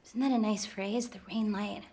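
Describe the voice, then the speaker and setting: An actress playing a pampered, romantic young woman who talks in a soft, earnest, confiding way. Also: medium pitch, steady tone, moderate pace, lightly acted. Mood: dreamy. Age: young adult. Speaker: actor in a film scene. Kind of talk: naturalistic film acting.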